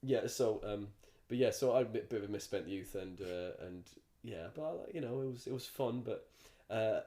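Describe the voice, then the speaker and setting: An Irish comedian from the countryside, appearing as a guest on a casual podcast, rambles through his stories and restarts often. His voice is fairly low and warm, at a normal speed.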